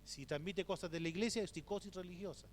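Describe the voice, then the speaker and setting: A man's voice: high voice, quick pace. A middle-aged man with a Chilean accent, a pastor teaching at a church conference, telling stories and asking rhetorical questions. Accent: Chilean Spanish. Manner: storytelling with rhetorical questions, acts out quoted voices. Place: church hall. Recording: reverberant hall with faint hum.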